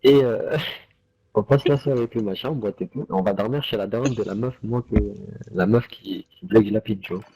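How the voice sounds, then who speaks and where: A man's voice: on the low side, fairly quick, warm tone, husky, low-quality recording. A young man telling a casual anecdote to friends in street slang, peppered with slang tags and fillers. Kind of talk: casual anecdote told to friends while gaming.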